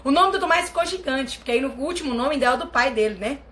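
A family constellation therapist with a Brazilian Portuguese accent chats casually and fast with her live-stream viewers. She tells stories in an animated way, with big swings in pitch.

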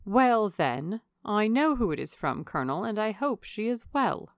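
A woman's voice: medium pitch, big pitch swings, measured pace, dry recording, studio quality. A woman voicing a nosy, jolly older matron in a storybook reading, prying and exclaiming with swooping emphasis. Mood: teasing.

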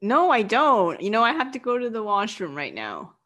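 A woman's voice: mid-range voice, wildly swooping pitch, normal speed, bright, forceful tone. Woman role-playing a reluctant, polite young man. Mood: protesting. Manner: hesitant, protesting. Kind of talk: improvised story role-play.

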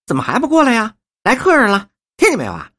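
A man voicing a fussy, flattering old woman in a storybook reading, with a husky voice. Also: quick pace, exaggerated voice. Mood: scolding. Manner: shrill, gushing and flattering.

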